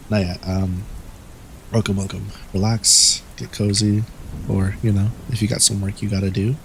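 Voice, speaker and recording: A man hosting a late-night stream, chatting in a relaxed, rambling way and swearing casually. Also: sits low, gravelly, background noise. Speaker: streamer host.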